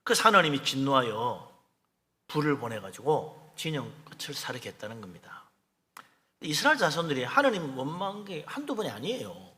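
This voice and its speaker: A man's voice: medium pitch, very animated, brisk, pushed and bright, long reverb tail. A male pastor preaching a midweek Bible sermon in a conversational way, acting out the lines he quotes. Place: church sanctuary.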